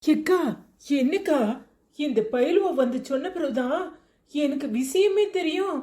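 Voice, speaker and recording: A reasoning, soothing village woman from a cartoon, voiced by a woman talks in a Tirunelveli Tamil accent. Her voice sits slightly high and stays even. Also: a little slow. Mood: consoling. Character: calm consoling village woman.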